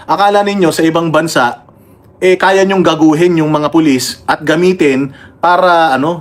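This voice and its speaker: A combative man from the Philippines hosts a political livestream, mocking his targets and pausing to thank members and read their comments. His voice sits a little higher than most men's, and he talks in a casual, heated way.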